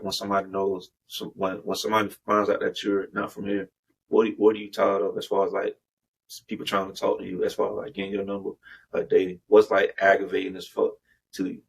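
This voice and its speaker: A man's voice: lowish voice, creaky, slight background noise, poor audio. A man hosting a casual podcast, slangy and rambling, with many restarts. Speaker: podcast host.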